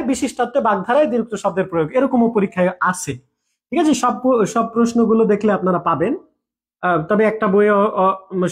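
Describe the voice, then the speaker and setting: A man teaching a recorded grammar class in a chatty way, repeating examples and checking in with his students often. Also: high-pitched. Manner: jokes with students mid-lesson. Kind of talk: recorded online lecture.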